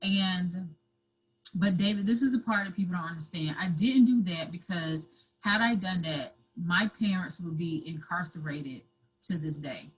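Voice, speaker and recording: Woman guest, husky and low, halting storyteller near tears. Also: low-quality recording. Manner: halting, repeats words, breaks into tears. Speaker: interview guest. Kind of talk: emotional personal storytelling.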